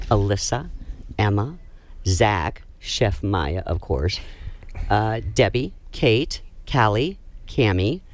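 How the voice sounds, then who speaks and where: A man's voice: mid-range voice, dry recording. A man speaking casually as a restaurant guest on a radio interview.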